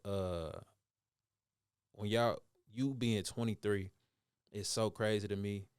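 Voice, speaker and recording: A man's voice: on the low side, clear, resonant tone, no room sound, studio quality. A man in his thirties interviewing an artist in a laid-back, rambling way, full of slang. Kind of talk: casual interview.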